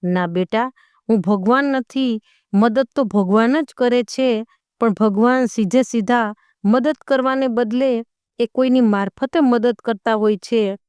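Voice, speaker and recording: A warm-hearted elderly neighbor played by a woman storyteller reassuring a small child in an audio story. Her tone is tender and unhurried, with a smooth, clear voice recorded close and dry. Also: a little high, no room sound, lightly acted.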